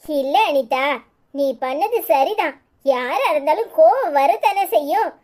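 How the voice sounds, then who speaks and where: A woman voicing Aishu, a calm soothing young woman. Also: high-pitched, measured pace. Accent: Tirunelveli Tamil. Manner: soothing, reassuring.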